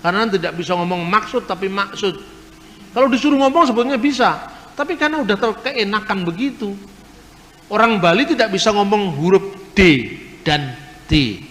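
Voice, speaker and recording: A man delivers a lively teaching lecture in a slightly high voice. His words ring out with a long reverb, as if spoken in a large hall. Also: normal speed. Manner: lively, explanatory, imitates regional pronunciations. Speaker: religious speaker.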